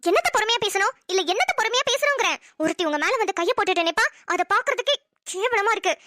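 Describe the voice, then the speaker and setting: A fiery, scolding young wife. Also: female voice, extremely high pitch, lively intonation, quick pace, dry recording, clean studio sound, exaggerated voice. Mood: angry. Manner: scolding, sharp, threatening. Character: fiery young wife, a medical student with a sharp tongue. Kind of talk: cartoon voice acting.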